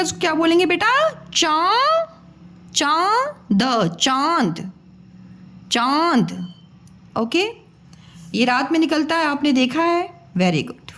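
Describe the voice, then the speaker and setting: Lively high-voiced woman teaching children. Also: a little hiss or hum. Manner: patient, coaxing, calls listeners beta and bachche, repeats sounds slowly. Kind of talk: Hindi lesson for children.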